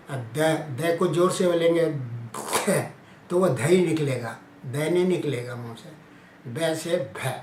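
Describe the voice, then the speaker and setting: A man teaches in a very slow, deliberate way, pausing to sound out letters one at a time. His voice sits a little high for a man. The recording is roomy and echoey, with a faint hum of ambience behind him. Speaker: teacher explaining Hindi phonetics. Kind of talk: informal spoken lesson.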